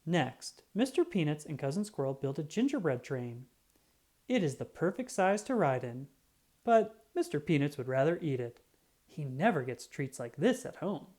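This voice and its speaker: At a normal pace, a woman with a low, mellow voice reads a scripted children's picture book aloud. Her intonation is lively and animated, kept simple and expressive for young listeners.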